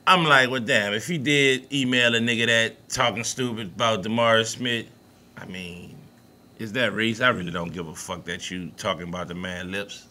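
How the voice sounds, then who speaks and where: Speaking at a moderate pace in a lowish, sharp voice, a man with a New Orleans accent co-hosts a podcast. His casual sports talk is loose, profane, and emphatic.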